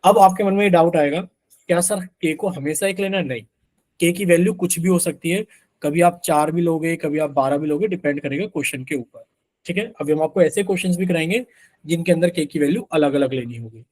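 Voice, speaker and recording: A man teaching a live online math class in a fairly high voice. The sound is dry and close, as if into a headset on a call. He keeps quizzing his students and answers for them in their voice. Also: a little fast, darkish tone, no room sound. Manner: asks students questions constantly, voices their replies as "sir".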